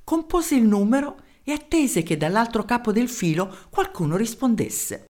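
A woman reading a children's story aloud in an expressive narrating style. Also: on the high side, normal speed.

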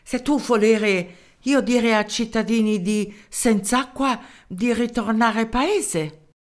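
Woman putting on a halting foreign professor. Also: a little high, pitched above the performer's own voice. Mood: didactic. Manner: broken Italian, halting and slow. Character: foreign male professor, eccentric inventor.

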